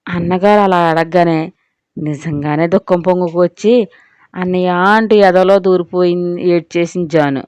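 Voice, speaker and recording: A woman narrating a scripted audio story with an expressive reading style. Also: lowish voice, normal speed, clean tone, dry recording.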